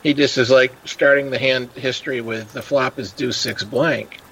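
A man's voice: mid-range voice, fairly even intonation, moderate pace, creaky, fairly bright tone, husky, rough recording. A man chatting casually as a podcast host, telling stories and acting out the people he quotes. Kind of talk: casual chat.

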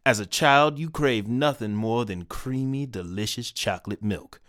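An actor playing a pompous, oblivious detective in a comedic audio drama. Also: male voice, mid-range voice, measured pace, fairly bright tone, dry recording, studio quality, natural voice. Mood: smug. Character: pompous bumbling male detective.

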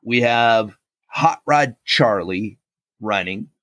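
Gravelly, raspy man hosting a podcast. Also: on the low side, takes it slowly, a bit bright, no echo. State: raspy, strained throat. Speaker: podcast co-host. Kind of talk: casual podcast banter.

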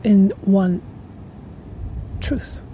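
A woman's voice: medium pitch, fairly even intonation, a little hiss or hum. A woman hosting a podcast, musing at length in a reflective spiritual monologue. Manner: slow, musing, with soft laughs and trailing repetitions. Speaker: podcast host.

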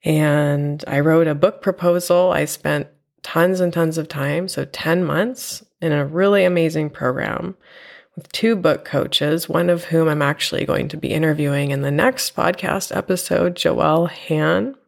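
A woman hosting her own podcast from home, talking in a reflective, unhurried way with a nasal voice from a cold. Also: low-pitched, gravelly. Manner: reflective, unhurried, with fillers and soft laughs. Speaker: podcast host and teacher. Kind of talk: personal podcast monologue. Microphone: home podcast mic.

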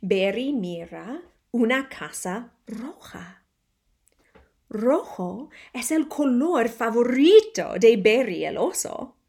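A woman reading a children's storybook aloud for language learners, slowly and expressively. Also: fairly high pitch, slightly rough. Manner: slow, carefully spelled-out, expressive reading.

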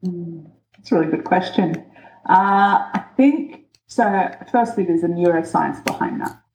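Interview guest: woman, mellow tone, measured explainer, echoey room. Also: lowish voice, creaky, slight background noise. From born in Egypt, raised in New Zealand and Australia. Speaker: guest, change expert. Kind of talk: casual interview. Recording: roomy echo.

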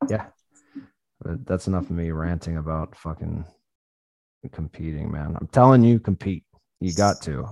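A man with a low, grounded voice talks in loose, profane casual chat, laughing often as he tells stories. The sound is close and dry, with no room around it. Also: normal speed, gravelly, pauses often, warm tone, no room sound.

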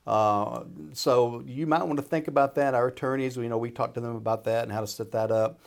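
A retirement planner and radio show expert explains financial matters in an informal, folksy way, checking in with the listener as he goes. His voice is medium-pitched, gravelly and a little fast, with fairly even intonation.

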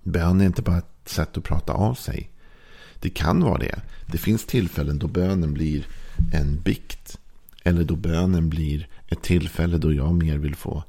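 Very deep, gravelly-voiced male pastor. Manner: calm, reflective, with frequent fillers. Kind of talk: devotional sermon with scripture reading.

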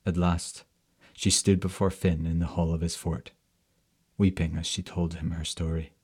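A man telling a folk tale in a slow, measured way. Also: low voice, flat delivery, darkish tone, husky. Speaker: storyteller. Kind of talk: storytelling narration.

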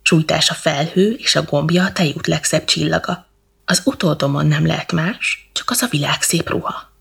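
Weary old king, solemn and stately, gravelly and husky, read by a woman. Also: low-pitched, fairly bright tone, full character voice. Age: older. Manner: stately, measured verse.

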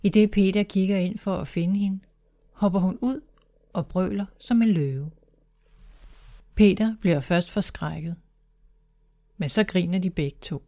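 Woman calmly reading a children's story. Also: mid-range voice, long pauses. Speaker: narrator.

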